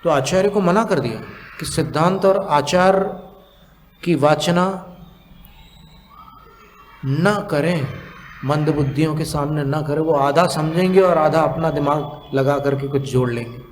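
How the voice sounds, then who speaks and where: A monk giving a sermon, explaining slowly with long pauses, asking the audience questions and chanting scriptural verses in a drawn-out cadence. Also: male voice, fairly high pitch, a little hiss or hum. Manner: asks the audience questions to teach. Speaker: monk giving a religious discourse.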